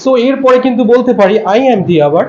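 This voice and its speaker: A man's voice: lively intonation, quick pace, dark tone. A man in his twenties teaching an English class, coaxing students in Bengali and English. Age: 20s. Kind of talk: classroom lesson. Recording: dull low-fi room audio.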